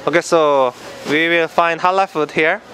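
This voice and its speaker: A man's voice: fairly high pitch, fairly even intonation, normal speed, sharp tone. Playful man in a noisy market. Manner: playful, jokey, mixes Korean and English. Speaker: vlog host. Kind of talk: casual market vlog chat. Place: busy outdoor street market. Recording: noisy outdoor street market.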